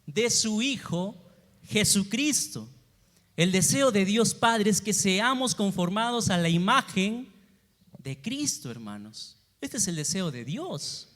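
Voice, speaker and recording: A man delivers a sermon in a high voice. He keeps asking his congregation questions and answering them, swinging between forceful emphasis and soft asides. The sound carries the long reverb of a church sanctuary. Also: big pitch swings, slow. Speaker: pastor.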